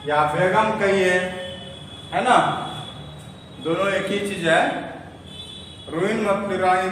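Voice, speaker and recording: A man's voice: sits high, a bit bright, slight background noise. A man teaches a lesson, explaining step by step and asking and answering his own questions. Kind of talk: classroom lesson. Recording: echoey room from far off.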